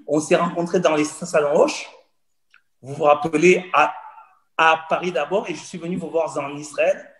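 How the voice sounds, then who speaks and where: Man in his forties, from Cameroon, higher voice, earnest storyteller, echoey room. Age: 40s. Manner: earnest, storytelling, repeats phrases. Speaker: guest. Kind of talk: personal testimony in conversation. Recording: roomy echo.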